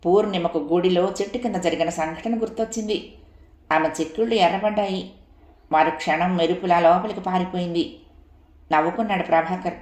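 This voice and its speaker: A woman narrating a story in a steady, expressive reading. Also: fairly low pitch, brisk. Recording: echoey room.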